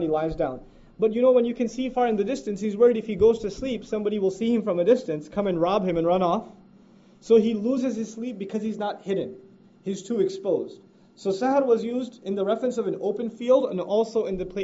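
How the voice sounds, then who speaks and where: A man teaching the Quran, explaining Arabic grammar in English and reciting verses quickly. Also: high voice, dark tone. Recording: dull lo-fi recording.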